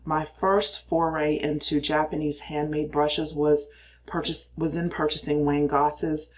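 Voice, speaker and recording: A woman's voice: sits low, level tone, a little slow. An older woman chatting casually through her makeup routine in a cramped little space, explaining as she goes and poking fun at herself. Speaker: makeup reviewer.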